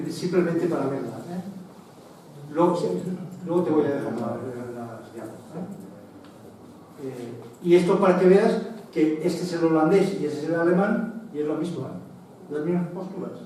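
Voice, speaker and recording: A man's voice: fairly high pitch, measured pace, warm tone. A man giving a conversational public lecture with slides, digressive and full of restarts and asides. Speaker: lecturer on military history. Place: association meeting hall, indoors. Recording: echoey hall, distant mic, faint noise.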